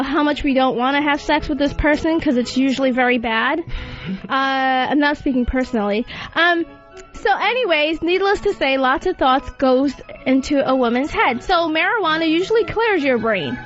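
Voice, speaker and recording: Her voice sits high and a bit bright as this woman hosts a talk show, chatting in a casual radio style and speaking frankly without embarrassment. Faint music plays under dull, lo-fi audio.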